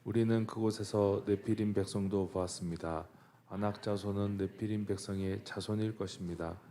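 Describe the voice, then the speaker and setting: A man's voice: lowish voice, fairly even intonation, normal speed, dark tone. A male church deacon reading scripture aloud in an earnest, declamatory way.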